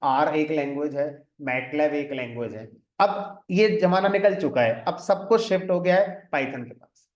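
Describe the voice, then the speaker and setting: A man in a slightly high voice gives a classroom lecture on programming. He explains one point at a time and mixes English terms into his Hindi. The recording rings with a clear room echo. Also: unhurried, lo-fi sound. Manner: explains step by step, often adds "ठीक है" to check in. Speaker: programming teacher. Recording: echoey room.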